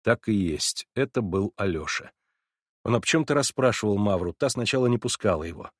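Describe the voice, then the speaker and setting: A man's voice: on the low side, lively intonation, moderate pace, no room sound. Man reading a novel aloud, dry sound. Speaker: audiobook narrator. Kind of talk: literary audiobook narration.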